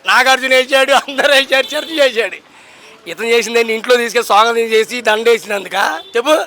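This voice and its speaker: Brief: young man, high bright voice, fast combative street-poll talk, handheld mic outdoors. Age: young adult. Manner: emphatic, combative, keeps repeating rhetorical questions. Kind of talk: impassioned political street talk.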